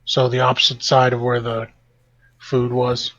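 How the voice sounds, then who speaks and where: A man's voice: mid-range voice, completely flat delivery, a little slow, a bit bright, no echo. Laid-back male player, dull audio. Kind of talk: casual tabletop role-play.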